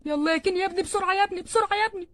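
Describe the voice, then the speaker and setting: A woman's voice: high-pitched, racing, dry recording, close to an everyday voice. A woman doing a kindly grandfather. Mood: hurried. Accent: Egyptian Arabic. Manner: calming and gently chiding. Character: kindly older grandfather, reassuring.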